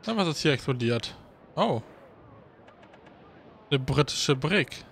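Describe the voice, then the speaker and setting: A man giving casual gameplay commentary as a Let's Play host, thinking aloud in a relaxed, chatty way. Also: a little high, slow pace, creaky, a little hiss or hum.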